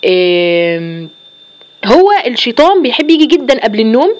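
A woman's voice: a little high, very animated, normal speed. A woman with an Egyptian accent giving an earnest religious lesson to women, often asking rhetorical questions. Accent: Egyptian Arabic. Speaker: religious teacher.

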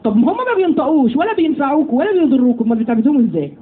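A woman with an Egyptian accent giving a lively religious lesson to women, often putting questions to her listeners. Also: high-pitched, very fast. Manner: lively, asks the audience questions. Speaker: religious teacher. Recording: tinny phone-like audio with faint noise.

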